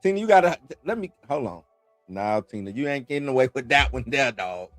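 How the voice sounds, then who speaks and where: A man with a high, very expressive voice banters playfully in slang on a casual panel. The sound is dry, with faint music underneath. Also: brisk, no room sound. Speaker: co-host on a reaction panel.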